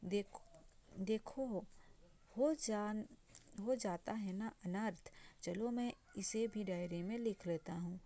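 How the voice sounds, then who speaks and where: A stern male employer from a textbook story, read aloud by a woman teacher. The delivery is slow, with a mellow, soft tone and plain storybook reading. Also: medium pitch. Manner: reads quoted lines aloud from a textbook. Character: stern male employer cheating his governess.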